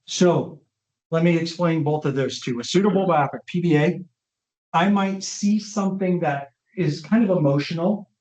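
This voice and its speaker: A man's voice: a little high, moderate pace, darkish tone. Man lecturing casually in a roomy space. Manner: informal, often checks understanding with the audience. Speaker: neuropsychologist presenting a talk. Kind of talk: conversational lecture with audience questions. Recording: roomy, dull lo-fi online session audio.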